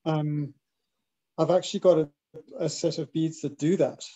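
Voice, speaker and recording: A man hosts a gentle spiritual conversation, talking earnestly and agreeing often. His voice sits fairly high, with a warm, mellow tone. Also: fairly even intonation, moderate pace, rough recording. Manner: soft affirming backchannels, earnest. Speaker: podcast host.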